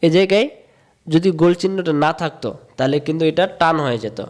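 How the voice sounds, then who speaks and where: A man leads a patient reading lesson, his voice sitting a little high. He repeats each rule in a sing-song chant and stretches the syllables out slowly so learners can follow. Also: a little mellow. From Bangladesh. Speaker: Quran reading teacher. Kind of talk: step-by-step recitation lesson.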